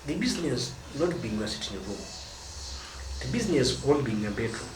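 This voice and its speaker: A Kenyan man with a mid-range voice gives a teaching talk on marriage advice. He's very animated and speaks fairly quickly, stressing key words and drawing them out. The recording is noisy, with a roomy echo as if captured from a distance.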